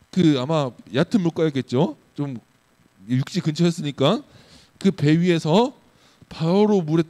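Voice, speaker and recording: A man giving a children's sermon in church, telling a Bible story in an animated way and asking the children questions. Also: fairly high pitch. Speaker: children's pastor.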